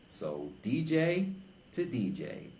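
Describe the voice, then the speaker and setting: A man from New York hosting an interview podcast, speaking in a formal, deliberate way. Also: mid-range voice, huge pitch swings, darkish tone, roomy sound, low-quality recording. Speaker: podcast host and DJ.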